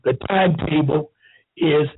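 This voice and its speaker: A man in his seventies telling a rambling story slowly, with halting restarts. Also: a little high, breathy edge. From United States. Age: 70s. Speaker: show host. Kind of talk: rambling talk. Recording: tinny phone-like line.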